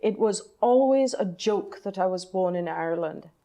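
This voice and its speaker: A woman in her sixties from Trinidad, a novelist recounting personal stories in an interview, pausing often with ums and uhs. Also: medium pitch, mellow. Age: 60s. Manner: hesitant, many ums and uhs, thoughtful. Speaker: novelist, guest. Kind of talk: reflective personal storytelling in interview.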